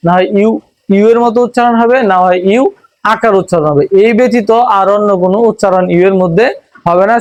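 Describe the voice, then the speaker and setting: Casting: Bangladeshi male teacher, high-pitched voice, patient and slow, spells out sounds. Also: darkish tone. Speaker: English reading teacher. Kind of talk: Bengali-language phonics lesson.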